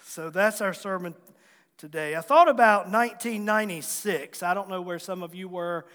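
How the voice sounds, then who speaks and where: A Southwest Virginia man in his forties preaches from the pulpit with a fairly high voice. His manner is folksy and self-deprecating, with easy jokes for his congregation. The sound rings out in a church with a long, trailing reverb. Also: normal speed, a bit bright. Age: 40s. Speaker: pastor. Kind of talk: sermon. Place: church sanctuary.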